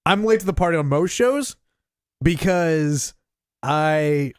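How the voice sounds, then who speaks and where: A man's voice: on the high side, animated, slow, clear, resonant tone, no room sound, studio quality. A man co-hosting a podcast in casual chat, talking enthusiastically with lots of restarts and easy laughter. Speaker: podcast co-host.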